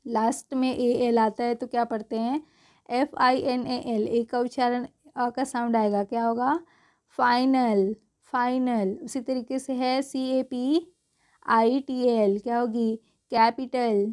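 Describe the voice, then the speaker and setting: A woman teaches English pronunciation, her voice sitting a little high. She stretches out each spelled letter and keeps checking in with the learner through rhetorical questions and a steady stream of "okay". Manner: slow, drawn-out spelling of letters. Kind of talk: explaining pronunciation rules.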